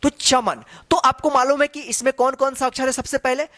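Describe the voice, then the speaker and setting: A man's voice: very high voice, little pitch movement, fairly quick, fairly bright tone, dry recording. A man teaching the Hindi alphabet, asking question after question and repeating each sound to demonstrate it. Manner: repetitive, quizzing. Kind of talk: slow classroom explanation.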